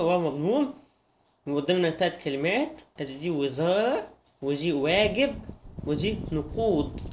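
Fast-talking Egyptian man teaching children. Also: fairly high pitch. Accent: Egyptian Arabic. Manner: coaxing, sing-song, addresses kids as friends. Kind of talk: children's lesson. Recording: dull lo-fi recording with noise.

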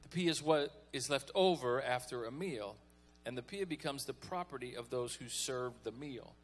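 A man's voice: mid-range voice, normal speed. A man preaching a folksy, conversational sermon as pastor, calling on the congregation to respond.

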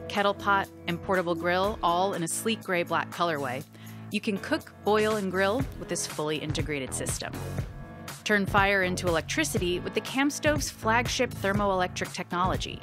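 A woman with a mid-range voice reads product copy in an upbeat, crisp advertising style. Clearly audible music runs under the voice-over. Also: medium pitch. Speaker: product narrator. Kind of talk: scripted promotional voice-over.

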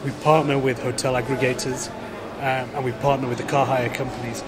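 A man in his thirties, a company executive giving a conference interview in a measured, polished way, often restarting words. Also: medium pitch, level tone, over a noisy crowd. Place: large indoor conference hall. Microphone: handheld camera close to the face.

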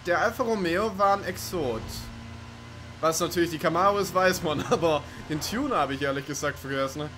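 Over the sounds of a racing game, a man commentates a let's play video in a rambling, sweary way, joking to himself. His voice is a little high and a little fast, with a bright, forceful tone, and there is slight background noise.

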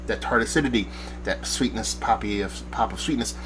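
A man's voice: fairly low pitch, brisk, fairly bright tone, a little hiss or hum, poor audio. A bearded man in his forties giving a casual, rambling beer review to camera from a small shed studio, often searching for words. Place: backyard shed studio at night, small room.

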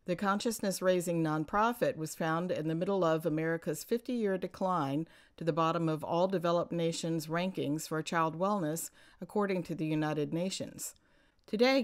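Woman, host, scripted narration, measured, formal, lowish voice. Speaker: host, media editor.

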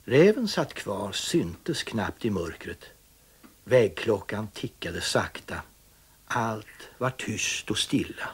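A man reading a children's story aloud with expressive, dramatic storytelling. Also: fairly low pitch, slightly rough.

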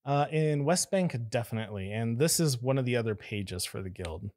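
A man narrating a tabletop game as game master, casual and quick to laugh, with frequent fillers. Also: medium pitch, lively intonation, darkish tone, dry recording, clean studio sound.

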